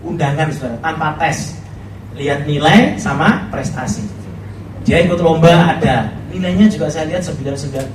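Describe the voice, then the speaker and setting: A man's voice: a little high, moderate pace, noisy background. A middle-aged man with a Javanese accent, preaching a chatty, humorous sermon as a pastor. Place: church hall. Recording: echoey hall, voice from far off.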